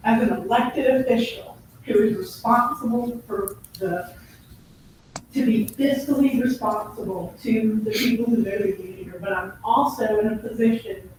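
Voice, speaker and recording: A woman's voice: on the high side, unhurried, darkish tone, slight background noise. A woman who is an elected school board member and a parent, giving a heartfelt, conflicted statement in an emotional, searching way at a public meeting. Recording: echoey room from a distant mic.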